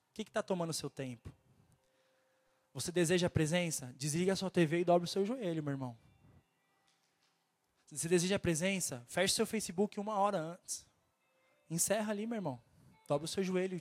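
A man preaching a fervent sermon with a nasal voice and a Brazilian Portuguese accent, urging his listeners over and over. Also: high-pitched. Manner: fervent, exhorting, keeps repeating "my brother".

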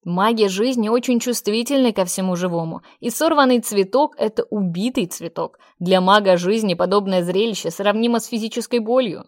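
A woman voicing a young male mage in an audiobook, speaking in a sly, teasing and quietly confident way. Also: medium pitch, brisk, hardly any pauses, no room sound, studio quality, natural voice. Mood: earnest. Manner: teasing, wry, calmly confident.

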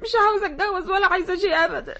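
Crying egyptian village girl, super high voice, begging, old radio play. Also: rapid-fire, sharp tone, lo-fi sound, full character voice. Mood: tearful pleading. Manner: pleading, sobbing. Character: young village girl, timid and tearful. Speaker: bride-to-be refusing marriage. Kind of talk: 1960s Egyptian radio drama acting.

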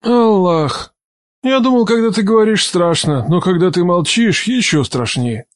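A woman reading aloud and voicing a calm, wry young man in a lowered voice. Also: measured pace, no echo, studio quality. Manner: dryly wry. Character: wary young male driver, calm and wry.

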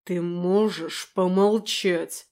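A calm, curt werewolf man with a dry wit, read by a woman in an audiobook. He answers flatly, in clipped, unbothered phrases. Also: lowish voice, very slow. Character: calm dry-witted male werewolf in human form. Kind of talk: audiobook character voice.

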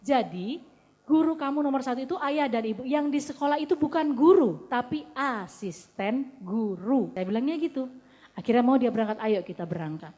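A woman's voice: sits high, lively intonation, normal speed, warm tone. A woman, a mother and guest speaker, telling anecdotes to an audience and quoting her children in a firm, plain way. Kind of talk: casual talk to audience. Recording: long hall reverb.

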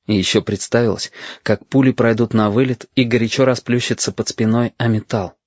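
A man reading audiobook narration in a measured storytelling manner. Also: medium pitch, steady tone, dry recording. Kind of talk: scripted narration. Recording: dull, dry audiobook recording.

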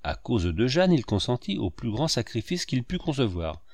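A man reads a novel aloud in steady, measured narration. His pitch sits in the middle range. The sound is dry and close, with no room around it. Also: no room sound. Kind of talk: audiobook narration.

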